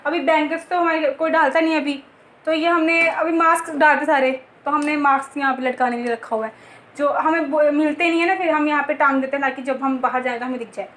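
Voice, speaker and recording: Chatty high-voiced young woman vlogger. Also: steady tone, fairly quick, fairly bright tone, roomy sound, rough recording. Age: young adult. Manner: chatty, joking, addresses viewers directly. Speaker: vlogger giving a home tour. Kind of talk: casual home tour chat. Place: rooms of a home, indoors.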